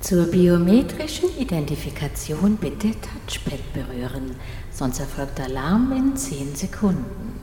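A woman voicing a polite, formal AI computer interface in a radio play, with a synthetic computer voice and a measured, clipped delivery. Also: deep voice, very animated. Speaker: talking AI system. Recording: echoey hall with ambient noise.

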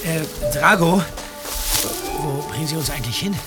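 Guy voicing an anxious teen boy detective in a radio play, kinda high voice, very up and down, excitable. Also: moderate pace, over loud music, lightly acted. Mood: curious. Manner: hesitant, excitable. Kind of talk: German audio drama acting.

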